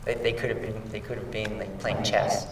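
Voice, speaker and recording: A man from Australia answering a question at a live panel, relaxed storytelling with restarts. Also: on the low side, brisk, background noise. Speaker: film director on panel. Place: large cinema auditorium. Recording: very echoey theater heard from far off.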